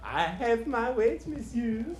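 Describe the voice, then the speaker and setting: A woman's voice: on the high side, lively intonation, takes it slowly, a little mellow. A woman voicing a smug, ingratiating hotel waiter in a game. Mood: sly. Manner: oily, giggly, ingratiating. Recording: echoey room with music.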